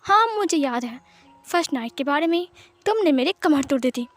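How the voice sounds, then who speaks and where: A woman's voice: sits high, animated, brisk, faint music behind. A woman voicing a playful, clingy young man who whines and pleads affectionately in a fan-fiction reading. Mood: cheeky. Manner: sulky, whiny and affectionate. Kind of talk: storybook dialogue reading.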